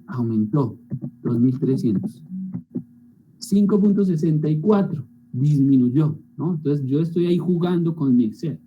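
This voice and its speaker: A male teacher in an online class guides students through spreadsheet calculations, frequently checking in with them through tag questions. His mid-range voice comes through a muffled recording with slight background noise.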